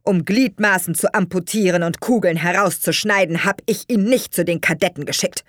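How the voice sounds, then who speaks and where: A woman's voice: fairly low pitch, moderate pace, no echo, clean studio sound, lightly acted. A woman voicing a stern, proud, scornful wealthy father in an audiobook reading, harsh and scolding.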